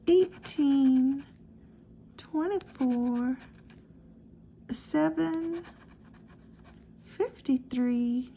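A woman with a high voice hosts a lottery scratch-off ticket channel, reading the numbers one by one in a slow, steady, casual narration. It's recorded close up indoors, with a little hiss or hum.

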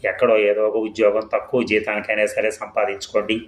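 A man voicing an anxious young wife who pleads with her husband, in a low, echoing reading voice. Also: monotone, a little fast, lightly acted. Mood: pleading. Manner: worried, pleading. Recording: echoey room.

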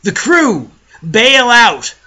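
A man's voice: very high voice, very animated, very slow, pushed and bright. A man hosting a lore video, reading a scripted narration in a casual way and stumbling over names.

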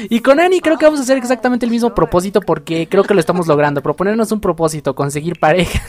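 A man's voice: sits high, lively intonation, fairly quick, pauses often. A man doing playful, chatty let's play commentary for a life-sim game, reading game text aloud and laughing often between lines. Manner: playful, chatty, swings between loud exclamations and murmured asides; laughs often while talking. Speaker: gaming YouTuber.

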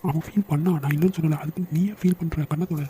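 A man's voice: fairly high pitch, fairly even intonation, fast talker, dark tone, a little hiss or hum, natural voice, poor audio. A man voicing a caring young brother and loyal friend in a cartoon, brotherly and teasing. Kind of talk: cartoon dialogue acting.

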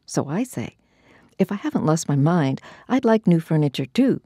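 A poetry reader delivers spoken-word verse in a deep, dark, husky voice, very animated, theatrical and deliberate, dropping into breathy hushes. The recording is close and dry with no room sound.

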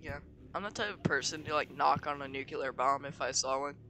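A man's voice: fairly high pitch, brisk. A teenage boy giving casual, joking gaming commentary while chatting with a friend. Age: teens. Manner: joking, rambling. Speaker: streamer. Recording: noisy game-audio background.

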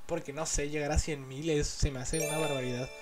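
A man's voice: a little high, fairly even intonation, brisk, a little hiss or hum. A man with a Mexican accent chatting casually over gameplay as a gaming YouTuber, rambling and complaining in an annoyed way.

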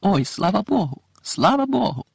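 Molly Weasley, a man doing a shrill frantic mother. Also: very animated, brisk, no room sound, clean studio sound, exaggerated voice. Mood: frantic, tearful. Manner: high, shrill, sobbing pleading. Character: frantic tearful middle-aged mother witch.

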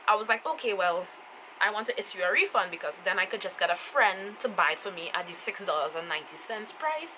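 Clear ambient noise fills this home camera recording from a small indoor room, where a Trinidadian beauty vlogger in her twenties casually reviews makeup to camera. Her voice is fairly low, with a sharp tone.

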